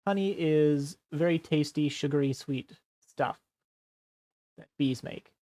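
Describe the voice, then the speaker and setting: A man's voice: a little high, slow pace, warm tone, no room sound. A man streaming a game, chatting casually and explaining things patiently in simple steps. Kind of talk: casual gameplay chat.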